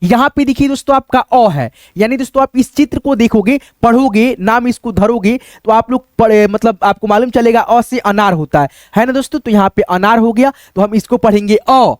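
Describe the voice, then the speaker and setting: A man with a very high-pitched voice teaches the alphabet to beginners slowly and patiently, asking questions and answering them himself. He offers the audience a friendly word in nearly every sentence. The studio-quality sound has no echo.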